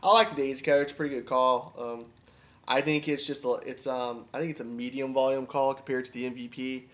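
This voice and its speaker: This instructor's mid-range voice has a fairly bright tone and a flat delivery, and he moves fairly quickly. He teaches duck calling in a casual, repetitive, informal how-to, clearly enthusiastic about it.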